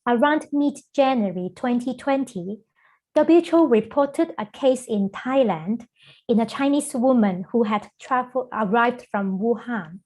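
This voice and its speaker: A middle-aged woman from Hong Kong gives an online lecture over a video call. Her voice sits somewhat high, and she speaks in a measured way, with frequent fillers between phrases. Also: darkish tone. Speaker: guest lecturer.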